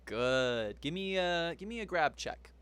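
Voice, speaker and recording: A man's voice: fairly high pitch, lively intonation, unhurried, fairly bright tone, clean tone. Man running a tabletop game. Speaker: game master.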